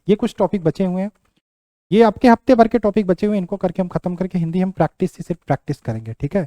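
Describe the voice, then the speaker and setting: High-voiced man teaching spelling drills. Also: mellow, dry recording. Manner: repeats words while writing them out, checks in with "ठीक". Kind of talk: online exam-prep lesson.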